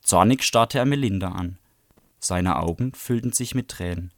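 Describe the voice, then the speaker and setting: A man presenting a book and reading a passage aloud in an even, measured storytelling manner. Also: sits low, dry recording, studio quality. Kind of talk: book review and read-aloud.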